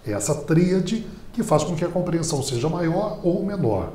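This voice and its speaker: A Brazilian man, a public speaking teacher on a podcast, explaining in an animated lecturing way. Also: fairly high pitch, moderate pace, slight background noise. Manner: animated, lively lecturing delivery. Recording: roomy studio echo.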